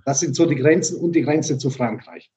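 A middle-aged tourism director from South Tyrol, Italy, answers interview questions as a podcast guest, explaining things thoughtfully with many fillers and restarts. His voice is on the high side, a little fast and mellow, with the highs cut off.

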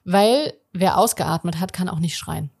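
A woman in her thirties, a guest in a conversational interview, explaining parenting calmly and acting out everyday family dialogue. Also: fairly low pitch, a little slow, vocal fry, husky.

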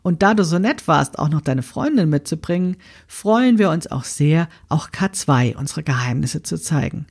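A woman voicing a kind, mysterious old grandmother with a calm, gently teasing way of talking. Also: deep voice, normal speed, hardly any pauses, slightly rough, exaggerated voice. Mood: kindly.

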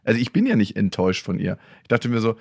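A man's voice: fairly low pitch, big pitch swings, fast talker, darkish tone, dry recording, clean studio sound. A man talking as a father in a casual podcast chat, reflective and questioning.

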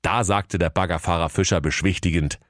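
A man's voice: low voice, steady tone, fairly quick, a bit bright, dry recording, studio quality. A man narrating a comic fairy-tale parody in a mock-solemn storytelling tone.

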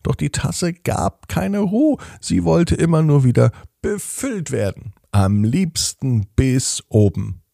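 Calm male storyteller for bedtime stories, slow and lively in pitch. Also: gravelly, no echo, clean studio sound. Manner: calm, unhurried.

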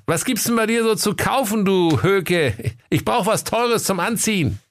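A man voicing a stingy, vain rich man who blusters and whines in a high, cartoonish voice. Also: lively intonation, moderate pace. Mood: scornful.

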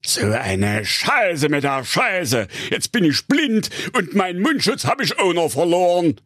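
Brief: dopey, flustered young suitor, played by a man, raised and husky voice, comic storybook. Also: sits high, sing-song, measured pace, a bit bright, no room sound, studio quality, voice pushed up, exaggerated voice. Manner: bumbling, flustered. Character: dim-witted handsome young man.

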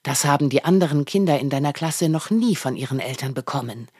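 A woman voicing a kindly father of a young boy, speaking calmly and reassuringly. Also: rumbling low, fairly quick, slightly rough, no echo, studio quality, heavily acted. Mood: gentle, soothing. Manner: calm, soothing, reassuring.

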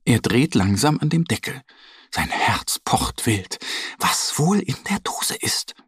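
A man narrating a children's story in an animated, expressive way. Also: mid-range voice, slow pace, slightly rough, dry recording, studio quality.

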